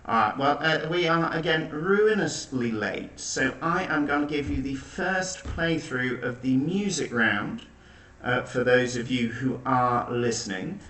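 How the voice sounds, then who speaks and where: Wry quiz host in a cave-like echo. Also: male voice, medium pitch, a little slow. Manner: dry, wry and deadpan. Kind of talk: hosting an online quiz. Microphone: makeshift backup mic. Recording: echoey room, far from the mic.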